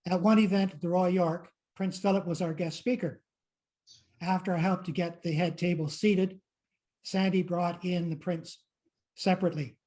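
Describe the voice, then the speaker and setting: A man's voice: high voice, fairly even intonation, normal speed, warm tone. An older man, a guest, reading a prepared anecdote in a dry, understated way. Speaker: guest sharing a memory.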